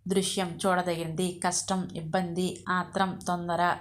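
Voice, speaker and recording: A woman teaching an exam-prep lesson, reading word lists slowly and explaining each point plainly. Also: lowish voice, little pitch movement.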